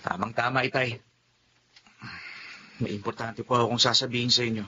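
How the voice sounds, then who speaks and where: An actor plays a sincere young man addressing his father with respect in a radio drama, his manner polite and earnest. His mid-range male voice is pushed and bright, with flat delivery at a moderate pace. The radio-play recording is muffled, with faint noise.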